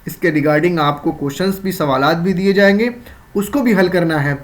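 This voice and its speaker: Fairly high-voiced man teaching grammar. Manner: explains step by step, repeats key terms, asks and answers his own questions. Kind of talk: exam-prep grammar lesson.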